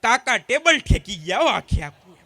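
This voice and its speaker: A man with a very high, bright, sharp voice tells stand-up jokes. He rattles through each anecdote and acts out both sides of every exchange. The sound is dry and close. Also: very animated, moderate pace, dry recording. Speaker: stand-up comedian at a community gathering. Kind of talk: live stand-up joke telling.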